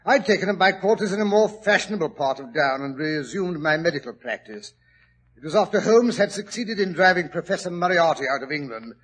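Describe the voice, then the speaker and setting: A man playing Doctor Watson, a genial British gentleman telling a detective story on a 1940s radio drama. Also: high-pitched, lively intonation, a little fast, husky, exaggerated voice. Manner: chatty, chuckling, mildly pompous British gentleman. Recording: old radio broadcast recording.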